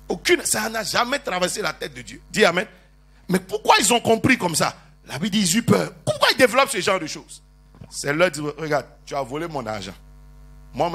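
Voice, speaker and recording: A man preaching a sermon as bishop, calling on the congregation to answer amen, teasing them with jokes and rising to loud prophetic declarations. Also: extremely high pitch. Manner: animated preaching with call-and-response.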